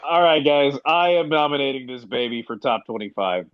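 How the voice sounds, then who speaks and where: A man hosts a relaxed podcast discussion, steering the talk with a ready laugh. His voice sits in a middling pitch. The recording is dry and a bit dull, like a budget home mic. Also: fairly quick, no echo. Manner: laughs often, leads the discussion. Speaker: podcast host. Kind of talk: casual chat.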